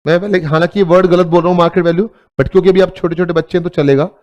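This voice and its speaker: A man's voice: high-pitched, steady tone, racing, highs cut off. A man with an Indian accent teaching an accounts class, mixing Hindi and English, joking with his students and calling them "beta". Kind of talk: classroom lecture.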